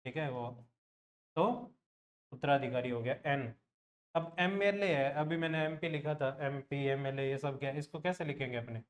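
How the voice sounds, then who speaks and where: A man teaching an exam-prep grammar lesson, asking the class questions and answering them himself, slowing down to sound out example words. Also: mid-range voice. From Rajasthan, India.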